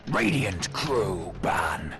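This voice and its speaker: A solemn, booming game announcer, with a low, gravelly voice. He calls out short formal announcements at a slow, deliberate pace, and his pitch swings widely. Loud game music plays under him. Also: huge pitch swings, heavily acted.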